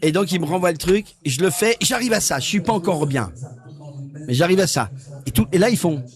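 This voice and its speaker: In a high-pitched, expressive voice and at a fairly quick pace, a man on stage at a live event delivers a long, lively story. He voices other people's lines and repeats himself a lot.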